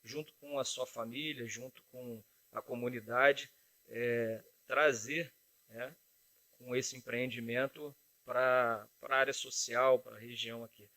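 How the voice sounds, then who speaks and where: A man's voice: medium pitch, fairly even intonation, slow pace, bright, forceful tone, no room sound. A man hosts an interview podcast, making polite, formal introductions. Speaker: podcast host.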